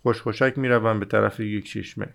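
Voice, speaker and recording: A man reading as the Little Prince, gravelly and earnest. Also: lowish voice, fairly even intonation. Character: small boy prince, earnest and curious. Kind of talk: audiobook reading.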